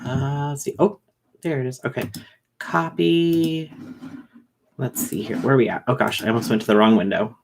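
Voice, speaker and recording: A man hosting a casual livestream who talks fast and rambles, with many fillers and restarts. He is short on sleep. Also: mid-range voice, creaky, a little hiss or hum. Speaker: livestream host reading chat.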